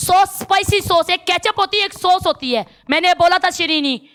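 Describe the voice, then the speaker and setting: A woman streams live from her phone, indignant and ranting. Her voice sits very high and sounds bright and sharp. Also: normal speed. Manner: indignant, ranting, code-switching. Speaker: TikTok live streamer in a match. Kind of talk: heated live-stream chat.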